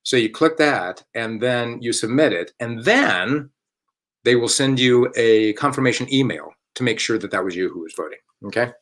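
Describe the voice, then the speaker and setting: A man's voice: mid-range voice, lively intonation, moderate pace, fairly bright tone. A man hosting a casual online chat for a theater company from home. He rambles, corrects himself and chuckles often. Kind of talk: casual live-stream chat.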